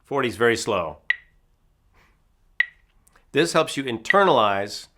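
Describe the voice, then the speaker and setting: A man's voice: mid-range voice, expressive, measured pace, noisy background. A man teaching a drum lesson in a casual, explanatory way, thinking aloud with fillers. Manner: speaks rhythms aloud in syllables between explanations.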